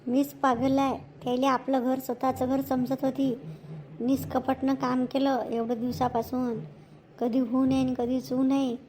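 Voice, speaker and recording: Woman playing a touchy, high-voiced village housemaid. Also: flat delivery, slight background noise, close to an everyday voice, rough recording. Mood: hurt. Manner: sharp, quick to snap, aggrieved. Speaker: actor in a village family drama. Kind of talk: village comedy-drama acting.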